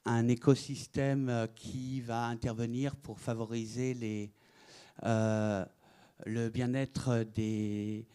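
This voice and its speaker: A man's voice: mid-range voice, warm tone, clear, resonant tone. A middle-aged man from France giving a conference talk, hesitant, with many fillers and restarts. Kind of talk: conference presentation.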